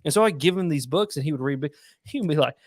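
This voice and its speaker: A man with a drawl, spinning funny classroom stories on a podcast and acting out every quote. His voice sits fairly high. It sounds close and dry, with no room around it. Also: quick pace, dry recording. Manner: animated storyteller, acts out quotes. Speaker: guest, former elementary school teacher. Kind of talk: casual storytelling chat.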